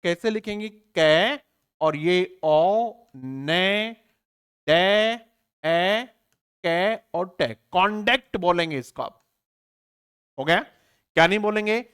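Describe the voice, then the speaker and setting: Running an online exam-prep class, this English teacher keeps asking his students questions, supplies the answers himself, and spells words slowly letter by letter, checking often that everyone is following. His voice sits high, with a clean, slightly bright tone.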